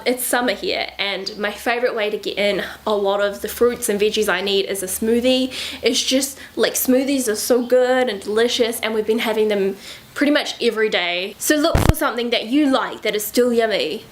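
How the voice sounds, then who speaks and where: A young woman from the Southern Hemisphere talks casually and reflectively to the camera in a lifestyle vlog, using many fillers and self-corrections. Her voice sits on the high side, and the recording is rough.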